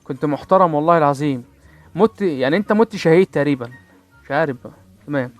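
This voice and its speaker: A man's voice: a little high, racing, faint music behind. A man with an Egyptian accent giving casual, playful gameplay commentary, joking with his viewers and mouthing gunfire sounds. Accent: Egyptian Arabic. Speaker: gaming channel host.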